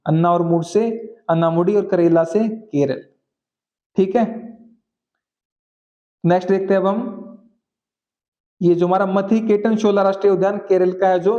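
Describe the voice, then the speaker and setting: A man teaching general-knowledge memory tricks, repeating key phrases slowly and often checking that students follow. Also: high-pitched, fairly even intonation, dull audio. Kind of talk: exam-prep lesson with memory tricks.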